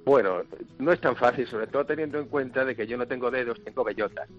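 A musician being interviewed on the radio, telling stories in a chatty, joking way. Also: male voice, medium pitch, fast, highs cut off, soft background music. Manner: chatty, jokey storyteller. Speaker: musician guest.

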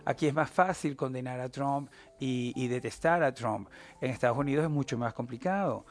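A man's voice: mid-range voice, normal speed. A middle-aged man, a novelist, talking expressively and at length as a guest in a studio interview, with theatrical asides. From Venezuela. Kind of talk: casual interview chat.

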